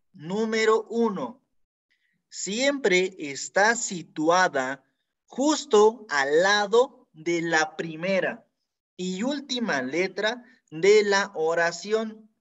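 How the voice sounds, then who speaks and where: Slow, careful teacher explaining grammar. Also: medium pitch, lively intonation, fairly bright tone, highs cut off. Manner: careful, repetitive explaining with worked examples. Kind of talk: scripted grammar lesson.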